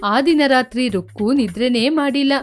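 Brief: woman narrator for an animated storybook, high voice, faint music behind. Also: normal speed.

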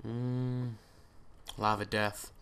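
A man's voice: medium pitch, flat delivery, extremely slow, a bit bright, clear, resonant tone. A man hosting a gaming video, chatting casually and thinking aloud as he plays, often trailing off into mutters. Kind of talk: let's play commentary.

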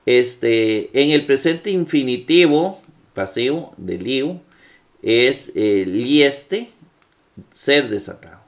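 A man teaching Greek grammar in a classroom lecture, patient and full of fillers. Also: mid-range voice. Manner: slow, patient, with many fillers and checks.

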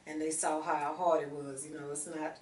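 A woman's voice: low voice, little pitch movement, normal speed, a little mellow, recorded from a distance. A woman guest who runs a charity group, talking earnestly and with feeling about her work. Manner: earnest, emotional when telling stories. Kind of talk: casual interview chat. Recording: echoey room, voice off-mic, faint noise.

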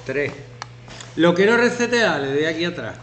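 A slightly high, moderately paced voice belongs to a teacher in his fifties, joking around with students while doing a class activity. His chatty, lively style includes acting out shouting examples, captured in an echoey classroom with faint background noise.

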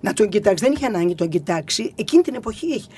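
An older woman singer, a guest in a radio interview, telling stories with many pauses and fillers and dropping to a hush when she quotes others. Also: mid-range voice, lively intonation, slight background noise. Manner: hesitant, many fillers, acts out quoted voices in a hushed whisper. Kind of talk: conversational radio interview, storytelling.

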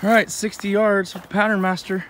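Outdoors at a shooting range, the channel host goes over his shotgun results in a casual gear review, speaking briskly and plainly. His voice is high, level and somewhat bright, and the distant camera mic picks up slight background noise.

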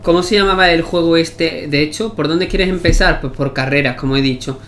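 A man's voice: a little high, brisk, a bit bright, a little hiss or hum. A man with a Spain Spanish accent, giving casual gameplay commentary with swearing and chatty asides. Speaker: gaming YouTuber.

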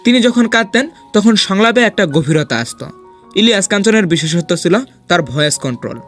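Hosting a film ranking video, a man races through a scripted countdown narration in a high-pitched voice. He's animated, dramatic, and persuasive, with soft music playing underneath.

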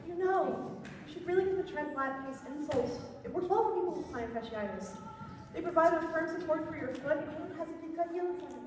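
An actress on a stage playing an eager, matter-of-fact young know-it-all, recorded from far off in an echoey hall. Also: female voice, high-pitched, expressive, fast talker, background noise. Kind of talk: amateur stage comedy acting. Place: large school theater hall.

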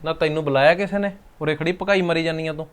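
A man's voice: fairly high pitch, steady tone, slight background noise, close to an everyday voice. An actor playing a short-tempered, scheming man who scolds his wife, with a Punjabi accent. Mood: rude. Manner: rude, scheming, quick-tempered. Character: scheming grown son, rude and short-tempered.

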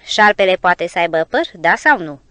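A woman's voice: fairly low pitch, animated, pushed and bright, no echo. A woman reading a sly, menacing smuggler man. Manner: slow, honeyed speech through gritted teeth. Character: menacing adult male smuggler, sly and threatening.

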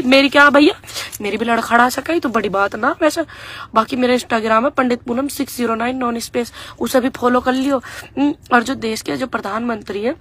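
A young woman with a high voice talks straight to her followers, half scolding and half teasing. Her tone is bright and sharp. She mixes sarcastic jabs with mock-earnest requests in homely village phrasing. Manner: sarcastic, mocking and pleading by turns; folksy, rural turns of speech. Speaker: political vlogger. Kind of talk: casual political commentary to followers.

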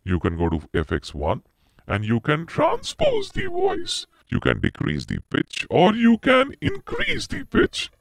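A man demonstrating a product, his voice run live through a pitch-shifting voice changer on a headset mic, explaining the settings as he goes. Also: wildly swooping pitch, a little slow, gravelly, fairly bright tone, heavily acted. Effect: real-time pitch-shifting voice changer. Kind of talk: product demo walkthrough. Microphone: headset condenser microphone.

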